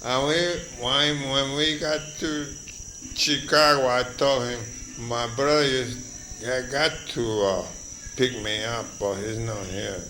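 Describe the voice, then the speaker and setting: Here an interviewee in his eighties whose first language is Spanish reminisces slowly, his mid-range voice flat in delivery and sharp in tone. His storytelling wanders and stalls, dotted with fillers and chuckles. Crickets chirp noisily throughout.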